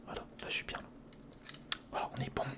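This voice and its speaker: A man whispers fairly quickly while hosting a casual, improvised ASMR build-along. His mostly voiceless, breathy voice shifts from hesitant muttering to himself to chatting with the viewer.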